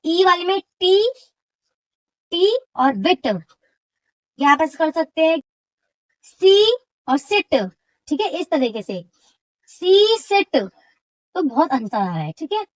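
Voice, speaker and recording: A woman's voice: extremely high pitch, lively intonation, slow, dull audio. A woman teacher explaining a shorthand lesson step by step, often checking whether her students follow.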